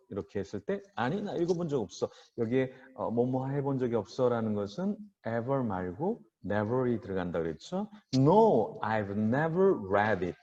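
A man teaching English phrases in a slow lecture, modelling each sentence carefully. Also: mid-range voice, mellow. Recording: dull lo-fi sound with long reverb.

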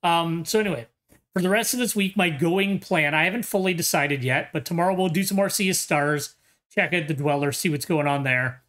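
A man's voice: fairly high pitch, brisk, fairly bright tone. A tired man in his thirties chatting casually on a video game livestream. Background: game music.

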